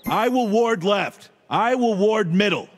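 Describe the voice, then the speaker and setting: An actor with an American accent playing a gruff, bossy middle-aged small-town police chief in a video game, giving clipped, commanding lines. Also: male voice, high-pitched, lively intonation, unhurried, long reverb tail. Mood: urgent, commanding.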